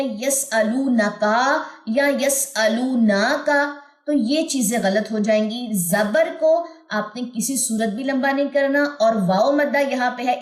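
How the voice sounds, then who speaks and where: A woman teaching recitation rules who explains each point, then stretches the syllables out slowly to model them. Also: on the high side, a little mellow. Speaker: Quran tajweed teacher. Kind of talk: recorded online lesson. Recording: roomy echo.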